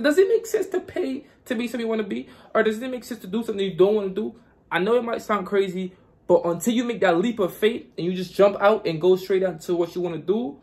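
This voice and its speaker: Young Guyana-born guy, high voice, pumped-up repetitive money-advice vlogger. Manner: repetitive, hyped, preachy. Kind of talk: casual motivational vlog.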